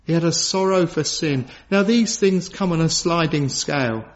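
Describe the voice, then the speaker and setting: A man preaching a sermon in an earnest, solemn way. He repeats key phrases for emphasis and swings from raised, urgent questions to low, hushed gravity. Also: moderate pace. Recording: dull lo-fi sound.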